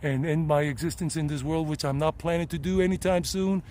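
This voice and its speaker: Holding a camera on a hilltop trail, an American vlogger and tour guide chats and rambles, restarting often, for a casual hiking vlog. His voice is fairly high, steady in tone, a bit fast and a bit mellow, with a little hiss or hum.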